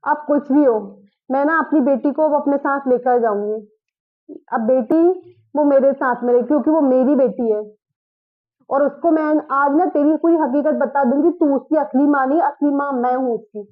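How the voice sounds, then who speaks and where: A woman's voice: high voice, normal speed, natural voice. A woman playing a greedy, regretful middle-aged mother in a drama skit, talking in a pleading, emphatic way. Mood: astonished. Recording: dull lo-fi recording.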